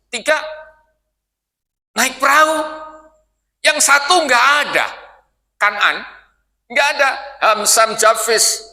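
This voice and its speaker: A man's voice: sits high, sharp tone. An older man preaching an evening sermon in a mosque, joking and conversational, questioning his listeners and chanting verses of scripture. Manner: jokey and conversational, often asking the audience "Pak?". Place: mosque hall. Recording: long reverb of a mosque hall.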